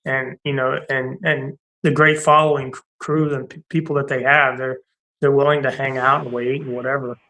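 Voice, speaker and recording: A middle-aged Army veteran and former warrant officer co-hosts a casual conversation, making blunt points, repeating them for emphasis, and laughing often between them. His mid-range voice is level, bright, and forceful at a normal speed, though the recording quality is low.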